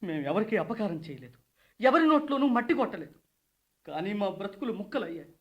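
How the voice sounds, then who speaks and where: A man acting out a shattered working man in a radio play, pouring out bitter accusations. His voice sits unusually high for a man and stays impassioned throughout. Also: sing-song, quick pace, echoey room, lo-fi sound. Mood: bitter, accusing. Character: grieving poor man, angry and vengeful.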